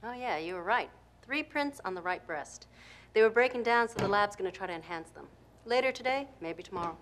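An actress playing a matter-of-fact forensic doctor in a TV crime drama. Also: female voice, mid-range voice, animated, a little fast, background noise, lightly acted. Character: brisk, matter-of-fact female medical examiner.

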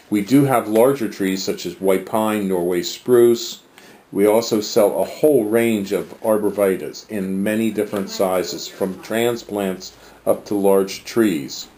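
A man's voice: on the low side, a little mellow. Man, nursery owner, reading a long plant list, faint background hiss. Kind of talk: promotional narration.

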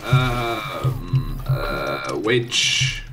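A man hosting a casual game playthrough, talking excitably, exclaiming and swearing at the action. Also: low voice, extremely slow. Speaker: host. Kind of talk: let's play gaming commentary. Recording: game music loud behind voice.

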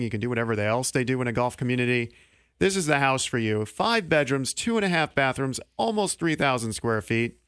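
A man in his thirties hosting a local radio talk show in a small studio, speaking into a studio mic with quick, joking delivery. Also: fairly high pitch, fairly bright tone, no room sound. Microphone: studio mic on boom arm.

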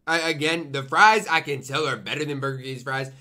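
A man's voice: mid-range voice, fairly even intonation, brisk, bright, forceful tone. A young man giving a casual food review to camera, talking emphatically and repeating himself for effect. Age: young adult. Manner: talks while eating, murmuring appreciative mms. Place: small room at home, indoors.

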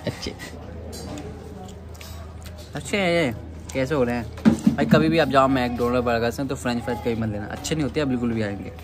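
Pausing often and speaking a bit quickly, this young man has a medium-pitched voice. He's a chatty vlogger doing his everyday vlog, repeatedly addressing his audience as "brother," while holding his phone camera at arm's length on a rooftop outside and in a small home room.

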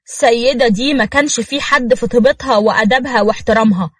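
A woman's voice: on the high side, fast, husky. A woman with an Egyptian accent voicing a kindly old grandfather who talks in an anxious, fatherly way. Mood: worried. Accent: Egyptian Arabic.

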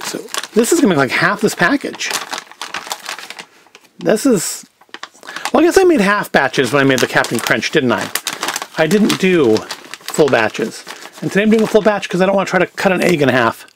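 A man hosts a homemade food review video, speaking casually and wryly as he thinks aloud and questions himself while cooking, first at a table and then in his kitchen at home. His high voice is very animated at a moderate pace with frequent pauses, and there's slight background noise.

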